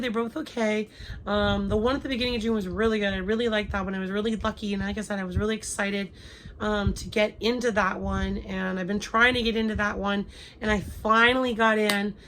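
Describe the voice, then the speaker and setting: A young crochet vlogger with a cold chats casually to camera, full of ums and restarts. Her voice is medium-pitched and fairly bright, with slight hiss or hum in the recording.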